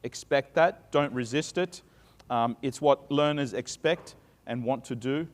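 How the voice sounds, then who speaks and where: A middle-aged man from Sydney speaks at a measured pace in a mid-range voice, his Australian accent clear as he gives a chatty stage talk. Fillers and restarts pepper it, in a reverberant conference hall.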